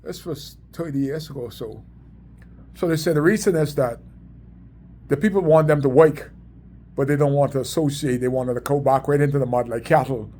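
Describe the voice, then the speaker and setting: A middle-aged Bahamian man who organizes community sports tells community stories in a monologue, with a Bahamian accent. His medium-pitched, dark-toned voice moves at normal speed, and his delivery is emphatic, repetitive, and preachy. There's slight background noise.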